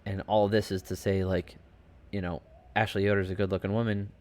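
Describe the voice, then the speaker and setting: A man's voice: low voice, level tone, brisk, a little mellow. A man hosting a podcast alone, giving casual, rambling commentary on fight results from a home desk setup, full of fillers and asides. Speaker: podcast host.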